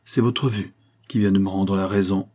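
A man's voice: low voice, fairly even intonation, moderate pace, a little mellow. A man reading the lines of a jealous, furious young Russian count in an audiobook, with vehement outbursts. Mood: tense.

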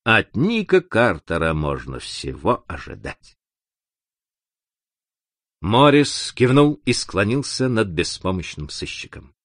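A man narrating an adventure audiobook in an expressive, dramatic reading. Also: on the low side, slow, no room sound, studio quality.

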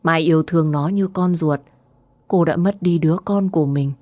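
A woman narrating an audiobook story in calm, measured scripted narration. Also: low voice, no room sound. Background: faint music.

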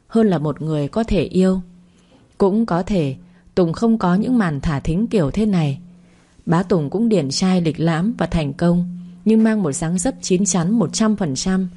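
Woman narrator, audiobook romance, low voice, warm mellow tone, calm storytelling.

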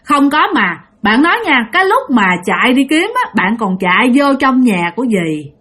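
A woman's voice: fairly high pitch, big pitch swings, moderate pace, a bit bright, breathy edge. A woman telling a ghost story, chatty and emphatic, and talking straight to her listeners. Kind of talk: ghost story narration to an audience.

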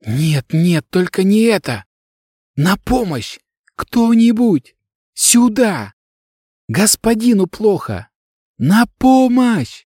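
A man voicing a frightened young servant girl who cries out in a high, pleading voice. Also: sing-song, slow pace, slightly rough, no echo, studio quality, full character voice. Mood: desperate.

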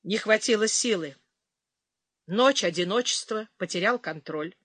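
A woman reader voicing a lonely man who lives alone in the wild, speaking tersely and calmly. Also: mid-range voice, measured pace, no echo. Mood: curt. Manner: terse, calm.

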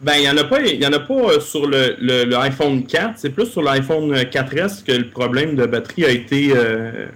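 A man's voice: medium pitch, expressive, normal speed, hardly any pauses, fairly bright tone. A man with a Québécois accent chatting casually as a podcast co-host, colloquial and often repeating words. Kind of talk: casual tech chat.

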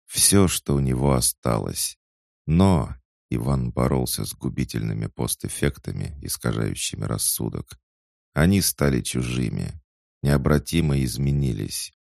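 A man narrating a science fiction audiobook in a measured, even storytelling manner. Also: extremely low pitch, gravelly, no echo, clean studio sound. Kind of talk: scripted narration.

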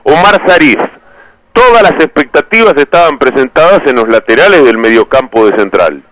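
A man's voice: medium pitch, lively intonation, normal speed, fairly bright tone, rough recording. A man with an Argentine accent giving conversational, rambling football player ratings on radio. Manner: conversational, rambling, self-correcting. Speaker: football analyst.

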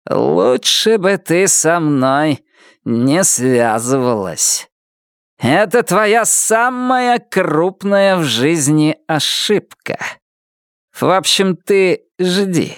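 A woman voicing a furious, spiteful, foul-mouthed woman who delivers slow, clipped threats. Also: medium pitch, very animated, smooth, no room sound, clean studio sound, voice pushed up. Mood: cold menace.

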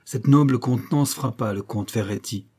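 Male audiobook reader, measured storyteller, mellow dark voice. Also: medium pitch. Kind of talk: scripted narration of a classic novella.

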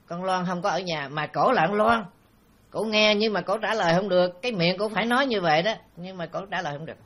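A man, a Buddhist monk with a Southern Vietnamese accent, tells a story in a dharma talk in a relaxed, anecdotal way with frequent filler sounds. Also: sits high.

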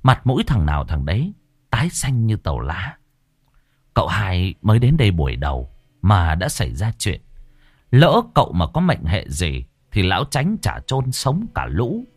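Expressive low-voiced male storyteller. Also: normal speed, slightly rough, dry recording, clean studio sound. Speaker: narrator. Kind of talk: audiobook story narration.

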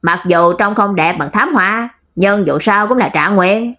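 A woman narrating a storybook in a steady, even reading voice. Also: medium pitch, unhurried. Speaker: audiobook narrator.

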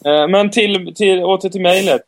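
A man hosting a podcast in casual chat, joking around, repeating himself and tripping over his words. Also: high voice. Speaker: podcast host.

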